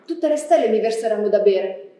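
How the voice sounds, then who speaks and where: A woman reading a gentle, sad little prince boy aloud on a theatre stage, with a soft, tender, quietly pleading delivery. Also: medium pitch, expressive, fairly quick, close to an everyday voice. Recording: echoey theatre from far off.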